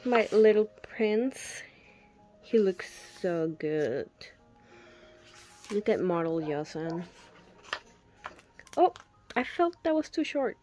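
A young woman with a mid-range, sing-song voice speaks slowly and pauses often, with faint music behind her. She gushes through a photobook unboxing, gasping and whispering little asides at each picture, in a casual commentary style.

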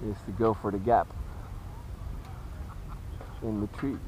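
A man casually commentating as he flies a model jet outdoors, relaxed and chuckling. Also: lowish voice, a little hiss or hum, rough recording. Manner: relaxed, chuckling, talks slowly while flying. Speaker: RC jet pilot reviewer. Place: outdoor flying field.

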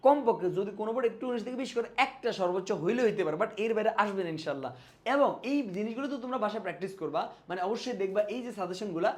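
A young man teaching a casual exam-prep lesson, chatty, speaking straight to his students and mixing in English words. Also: sits high.

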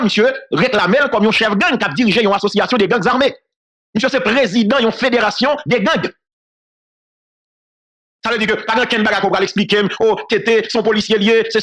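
A man's voice: high-pitched, fairly bright tone. A man from Haiti giving solo political commentary, emphatic and repetitive, hammering his key phrases and breaking into short laughs between points.

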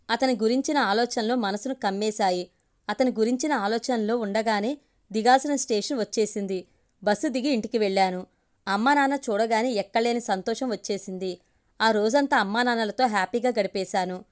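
Higher-pitched woman reading a love story. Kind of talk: reading a love story aloud in first person.

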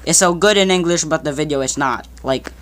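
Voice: medium pitch, fairly quick, a bit bright. A young adult gamer giving casual, bantering, self-mocking commentary over gameplay in an amateur recording. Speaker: gaming video maker. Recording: noisy amateur game recording.

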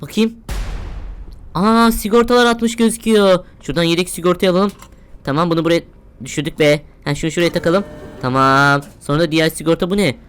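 A woman's voice: fairly low pitch, a little fast, clear, resonant tone. Chatty woman gamer, exclamation-prone. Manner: chatty, exclaims and swears playfully. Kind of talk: let's play commentary.

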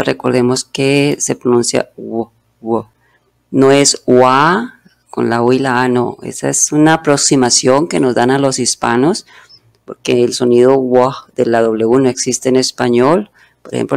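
A man with a gravelly, creaky voice whose first language is Spanish teaches English at an unhurried pace. He goes through a religious text word by word, repeating each pronunciation slowly. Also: medium pitch. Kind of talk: bilingual religious English lesson.

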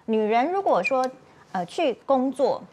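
A woman's voice: high-pitched, big pitch swings, unhurried, darkish tone, a little hiss or hum. A woman doctor with a Taiwanese Mandarin accent, giving thoughtful commentary on a talk show. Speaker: doctor guest.

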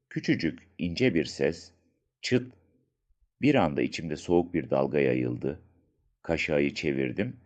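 A man reading a first-person story aloud as an audiobook narrator, in a slow, hushed storytelling manner with dramatic pauses. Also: a bass voice, dull audio.

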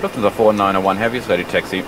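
A man's voice: fairly low pitch, fairly even intonation, racing. A German-accented man, an airline pilot whose first language is German, giving terse, procedural callouts over cockpit headset intercom audio. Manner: terse, procedural, matter-of-fact. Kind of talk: clipped cockpit callouts and radio calls. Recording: distant headset audio over engine noise.

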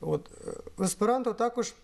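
A middle-aged man from Ukraine explaining things in an interview, measured and pausing often on fillers. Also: very high-pitched, animated, vocal fry, darkish tone, a little hiss or hum. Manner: measured, with frequent hesitations and fillers. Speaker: interviewee, Esperanto historian.

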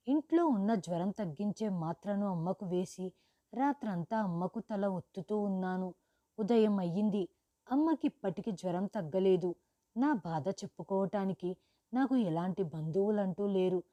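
A woman narrating a first-person story in a steady, even reading voice. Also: mid-range voice, dry recording.

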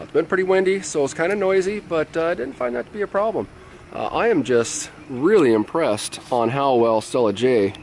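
Moving between cabin and deck on his sailboat at a marina, a thirty-something sailing vlogger talks casually to a handheld camera held at arm's length. His medium-pitched voice is relaxed and easygoing, sprinkled with "uh" fillers, over slight background noise.

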